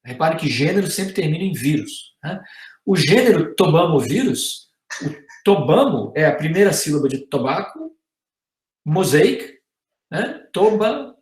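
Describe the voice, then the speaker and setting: A man's voice: a little high, sing-song, a little slow, a little mellow, reverberant. A middle-aged man with a Brazilian Portuguese accent giving a university lecture as a guest professor, explaining step by step and ending many sentences with "né?" or "tá?".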